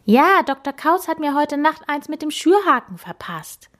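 A woman doing an excited little wild boar girl. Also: moderate pace. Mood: cheerful. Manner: high, bright and excited. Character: cheerful inventive female wild boar tinkerer.

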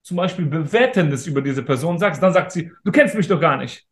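Interview guest, man in his thirties, slightly higher voice, emphatic motivational talk, echoey room. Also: animated, a little fast. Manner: emphatic, motivational, talks straight to listeners. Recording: roomy echo.

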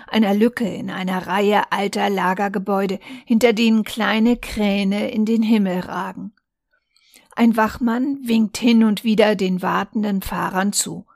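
Calm woman reading a reportage, dry sound. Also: mid-range voice, creaky, no room sound. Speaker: volunteer reader. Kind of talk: reading a newspaper reportage aloud.

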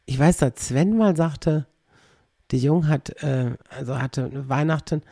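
A man with a slightly high, gravelly and husky voice rambles through a casual podcast monologue. He is wry and keeps imitating other people's pronunciations. The recording is dry and close. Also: a little slow, dark tone, dry recording. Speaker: podcast host.

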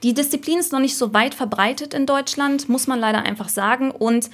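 A woman's voice: sits high, brisk. Chatty woman full of fillers. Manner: thoughtful, frequent fillers, acts out examples. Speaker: guest, UX writer. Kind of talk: casual podcast conversation.

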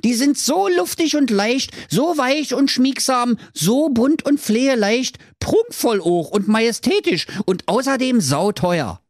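A man voicing a cheeky, scheming shopkeeper and crook who pitches his goods fast in a Berlin accent. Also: expressive, no echo, clean studio sound. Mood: wheedling. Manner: fast-talking sales pitch.

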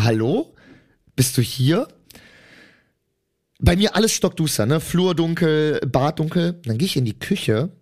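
A young man, co-hosting a casual podcast and telling stories with lots of fillers. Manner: animated storyteller, many fillers, rises in pitch when excited. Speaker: podcast co-host. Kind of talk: casual chat.

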